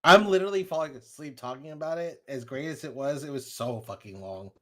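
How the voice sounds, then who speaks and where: A man's voice: mid-range voice, brisk, pushed and bright. A man co-hosting a casual film podcast, joking around and laughing easily. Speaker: podcast co-host. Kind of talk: casual chat.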